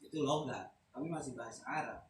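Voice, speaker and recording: A man's voice: mid-range voice, fast. A man teaching a casual religious lesson, joking and dropping into Arabic recitation with slangy asides. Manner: relaxed, joking, mixes Arabic recitation with Jakarta-style slang. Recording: echoey room, distant mic, faint noise.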